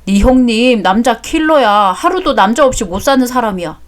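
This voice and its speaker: A woman's voice: a little high, animated, normal speed, close to an everyday voice. Woman doing a crude gossiping fruit seller. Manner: crude, boastful storytelling. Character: boastful middle-aged male fruit seller, crude gossip.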